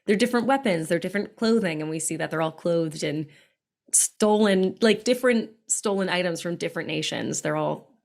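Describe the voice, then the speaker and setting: A woman co-hosting a podcast, chiming in with quick enthusiastic remarks and fun facts in casual chat. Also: lowish voice, vocal fry, a little mellow. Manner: quick enthusiastic interjections, sharing trivia. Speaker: podcast co-host. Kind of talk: casual chat recapping a cartoon episode.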